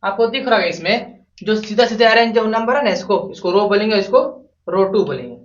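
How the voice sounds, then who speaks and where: A man's voice: high voice, expressive, a little fast. A man teaching a math lesson at a board, asking his own questions and answering them. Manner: repeats questions to the class and answers them himself. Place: classroom with a board. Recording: echoey room, from a distance, dull lo-fi sound.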